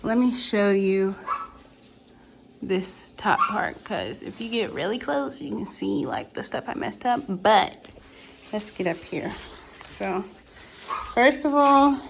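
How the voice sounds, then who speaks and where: Woman, casual DIY vlogger, excitable, informal, mid-pitched, clearly noisy home recording. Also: slow, pauses often. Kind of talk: casual chatty vlog.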